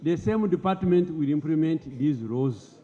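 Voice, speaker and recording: In a reverberant parliament chamber, heard through lo-fi broadcast audio, a government minister speaks formally in debate and presses his argument by repeating words. His voice is mellow and fairly high, with lively intonation at a moderate pace.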